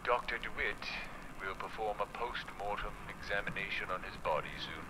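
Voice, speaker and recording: A man voicing a researcher who gives a formal, measured report, played back from an old phonograph cylinder. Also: on the low side. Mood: grave. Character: male researcher reporting a colleague's death. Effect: old phonograph cylinder playback. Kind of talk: scripted game voice acting. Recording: crackly old gramophone recording.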